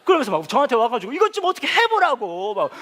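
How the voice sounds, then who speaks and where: A man's voice: very high-pitched, wildly swooping pitch, very fast, a bit bright. A male pastor telling a humorous, self-mocking story in a sermon to a congregation. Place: church service before a congregation.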